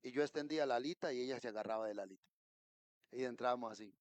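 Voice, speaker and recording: A man with a Colombian accent preaching a sermon as pastor, telling a story that swings from hushed asides to loud, emphatic calls to the congregation. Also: mid-range voice, rapid-fire, dry recording. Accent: Colombian Spanish. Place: church.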